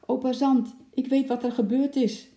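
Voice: mid-range voice, very animated, normal speed, gravelly, dark tone. A reader voicing a kind, patient little girl in a children's storybook, in a raised, coaxing voice. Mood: eager. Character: young girl, kind and helpful, zoo visitor. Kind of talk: storybook reading. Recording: echoey room.

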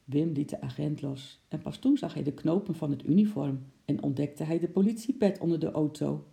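Gravelly, dark-voiced children's storyteller. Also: medium pitch, fairly quick. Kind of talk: reading a children's story aloud.

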